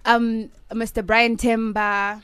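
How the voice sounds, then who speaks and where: A young woman singer with a South African accent, speaking softly and shyly with frequent giggles as a guest on a radio show. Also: fairly high pitch, little pitch movement, slow pace, clear, resonant tone, no room sound. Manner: soft-spoken, giggly, reserved. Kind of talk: radio interview.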